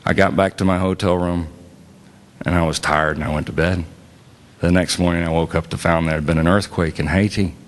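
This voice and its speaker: A man's voice: sits low, steady tone, fairly quick, long reverb tail. A man telling a personal story to an audience in a casual, plainspoken way with frequent fillers. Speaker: invited speaker and musician. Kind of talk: storytelling talk.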